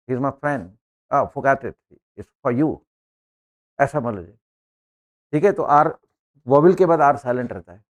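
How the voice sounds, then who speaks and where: A man teaching an English lesson to a class, explaining words and pronunciation step by step and often checking with "है ना?". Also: a little high. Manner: explains slowly, often asks "है ना?".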